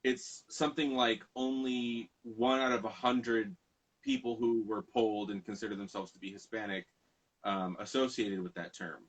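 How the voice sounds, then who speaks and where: A man's voice: fairly low pitch, flat delivery, normal speed, dull audio. A man hosting a casual conversation, rambling and often correcting himself mid-sentence. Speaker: podcast host.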